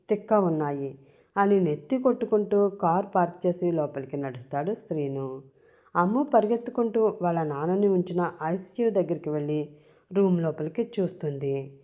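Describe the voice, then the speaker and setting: A woman narrating a serialized romance story in a steady, expressive way. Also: fairly low pitch.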